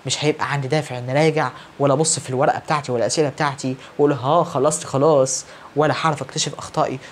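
Brisk and encouraging, this medium-pitched man with an Egyptian Arabic accent runs a recorded online English grammar lesson. He responds to absent students, over a faint hiss or hum.

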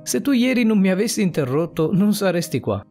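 Brief: man reading as a menacing storybook villain, cold and taunting, lively pitch. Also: brisk, faint music behind. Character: cold gloating male criminal, menacing.

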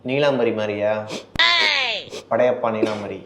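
A man's voice: on the low side, fairly even intonation, unhurried, heavy background noise. A young man at home teasing his wife and defending himself with laughs in a casual vlog. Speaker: vlogger, husband in a prank video. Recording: echoey room, faint music.

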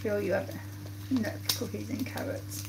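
A woman's voice: mid-range voice, steady tone, a little slow. A woman, chatting casually to her live viewers while she cooks in her home kitchen. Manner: chatty, talks to viewers while busy at the stove. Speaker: cooking livestream host. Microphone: phone camera close by on the counter. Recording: kitchen noise, pans sizzling behind.

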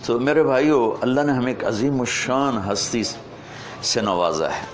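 A man's voice: mid-range voice, animated. Man, preacher, sermon storytelling, emotional delivery, faint background noise. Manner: emotional, slow-swelling delivery.

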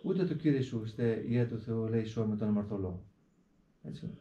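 A man, a hermit monk, explaining a prayer in an interview in a deliberate way, often repeating a filler word and slowly reciting the prayer with shifting stress. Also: lowish voice, warm tone. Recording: echoey, dull recording with faint background noise.

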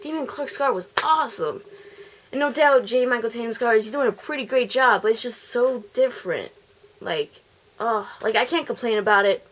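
A woman's voice: fairly high pitch, moderate pace, a bit bright. A woman talking casually on her vlog in a chatty, rambling way, often restarting her sentences. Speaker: vlogger.

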